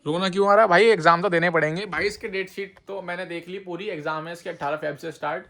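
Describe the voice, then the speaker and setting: A young man vlogs from his family home, holding the phone camera close. His voice is high and bright, and he rattles along quickly, teasing and scolding his younger brother. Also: steady tone. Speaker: family vlogger. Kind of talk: casual family vlog, talking to camera.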